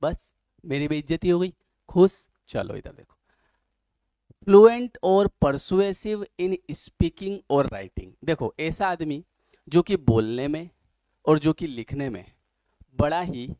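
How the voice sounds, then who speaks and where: A man's voice: a little high, mellow, dry recording. Joking male vocabulary teacher, dry sound. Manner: joking, teasing students between word lists; reads English definitions slowly and deliberately. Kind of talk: online class lecture.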